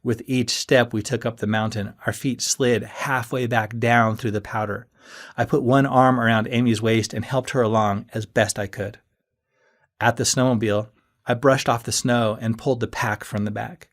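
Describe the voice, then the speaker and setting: A man reading his own novel aloud as an audiobook, telling the story in an earnest first person. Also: mid-range voice. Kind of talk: audiobook narration.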